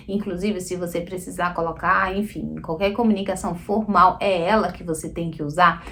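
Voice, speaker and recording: A woman from Brazil giving a casual video lesson on French, chatty, with frequent tag questions and slowly modelled French phrases. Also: mid-range voice, a bit bright. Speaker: French teacher.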